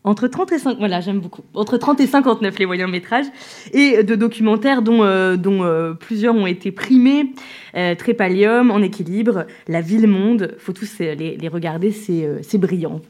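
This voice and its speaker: A woman's voice: medium pitch, moderate pace, a little mellow. Chatty woman hosting a live event. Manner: chatty, self-deprecating, frequent fillers. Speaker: event host. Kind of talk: live stage introductions. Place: event stage before an audience.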